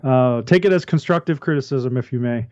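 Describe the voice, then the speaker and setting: A man's voice: medium pitch, a little fast, darkish tone, dry recording, dull audio. A man co-hosting a casual football podcast, rambling and correcting himself as he talks through betting picks. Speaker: podcast co-host. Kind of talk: casual sports chat.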